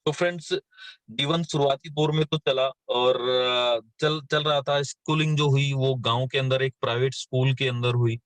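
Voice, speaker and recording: A man's voice: medium pitch, fairly even intonation, moderate pace, no room sound. Man telling his life story with many fillers. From western Uttar Pradesh, India. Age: 30s. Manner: plain storytelling, frequent fillers and repeated words. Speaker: invited speaker sharing his story. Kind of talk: motivational talk on a live session.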